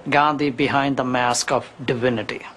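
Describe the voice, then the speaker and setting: A man's voice: mid-range voice, fairly even intonation, moderate pace, a bit bright. A man giving an interview as a researcher, speaking in an earnest, accusatory way.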